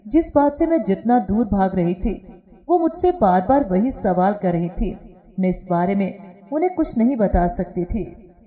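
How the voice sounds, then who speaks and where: A woman telling a first-person story in a calm, steady scripted narration. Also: medium pitch.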